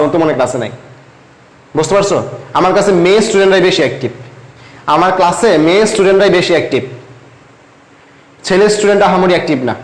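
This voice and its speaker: Young male online tutor, fairly high voice, chatty and repetitive, roomy echo. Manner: conversational, repeats questions to students. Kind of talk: live online class, reading student comments. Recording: echoey room.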